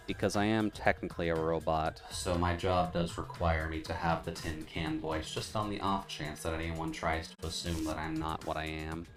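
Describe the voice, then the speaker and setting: Male live streamer, low-pitched with metallic robot processing, chatty off-the-cuff gameplay commentary over music. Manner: chatty, mutters while playing, reads chat aloud. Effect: metallic tin-can robot voice filter.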